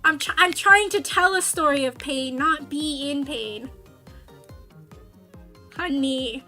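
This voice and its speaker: A woman's voice: sits high, a little slow, pushed and bright, faint music behind. A woman streamer telling a rambling, self-mocking story while she plays a game, with sudden cries of frustration. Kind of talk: casual storytelling while gaming.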